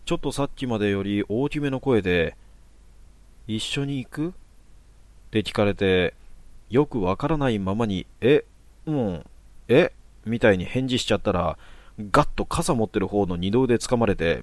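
A man calmly reading out short horror stories in a matter-of-fact manner. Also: lowish voice, fairly quick, no room sound. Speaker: storyteller. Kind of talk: narrated horror story.

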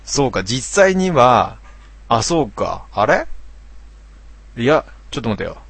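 Husky guy streaming a game, reading chat, muttering jokes. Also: medium pitch, very animated, takes it slowly, fairly bright tone, no room sound. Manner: muttering, jokey asides.

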